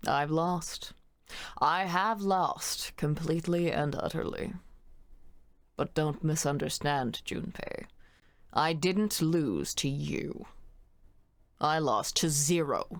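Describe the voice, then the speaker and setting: Woman putting on a cold, deliberate older male villain. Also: sits low, dry recording, voice pushed down. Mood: cold resignation. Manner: deliberate, drawn-out delivery. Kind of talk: acted reading of visual novel dialogue.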